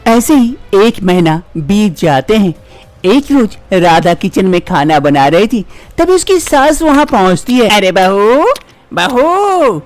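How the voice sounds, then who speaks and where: A woman narrating a cartoon story in an expressive storytelling manner. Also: medium pitch, a little slow, no room sound, soft background music.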